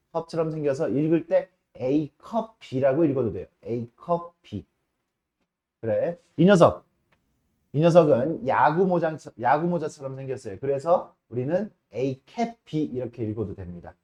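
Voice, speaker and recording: Male math teacher, mellow and slightly high, chatty classroom lecture that slows for key terms. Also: animated. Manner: casual, asks students frequent checking questions.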